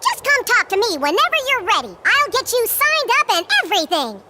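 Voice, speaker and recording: A woman voicing a small, feisty, cheerful male cartoon chipmunk in a video game, with a squeaky voice. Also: sing-song, brisk, heavy background noise. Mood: excited, cheerful. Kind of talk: animated video game voice acting.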